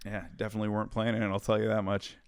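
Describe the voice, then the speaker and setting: A man's voice: lowish voice, monotone, racing, a little hiss or hum. A man co-hosting a casual podcast, joking around and riffing with his co-host. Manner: joking, mock radio-announcer flourishes. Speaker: podcast co-host, stand-up comic.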